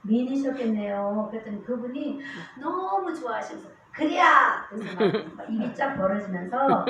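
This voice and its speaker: A woman's voice: a little high, very animated, fairly quick, a crowd in the background. A woman deaconess giving an earnest church testimony, reading scripture and then telling stories of street evangelism. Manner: earnest, storytelling, acts out quoted voices. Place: church sanctuary. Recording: echoey distant church mic, dull lo-fi.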